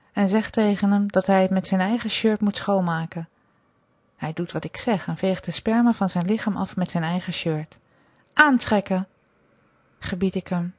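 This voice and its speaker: A woman hosting an adult radio show, reading her own erotic fantasy aloud in a slow, measured, dominant way. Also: medium pitch, warm tone, dry recording.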